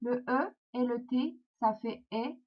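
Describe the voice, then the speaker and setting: Woman, French accent, primary teacher, very slow encouraging delivery, muffled lo-fi recording. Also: fairly high pitch. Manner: slow, clear, encouraging, syllable by syllable. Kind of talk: phonics lesson for young children. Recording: dull lo-fi sound.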